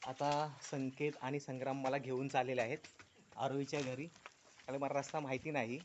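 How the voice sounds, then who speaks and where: A man's voice: medium pitch, little pitch movement, normal speed. A man from the Konkan region narrating a casual walking tour as a vlogger, upbeat and full of praise for what he films. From Konkan, India. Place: village outdoors in rain.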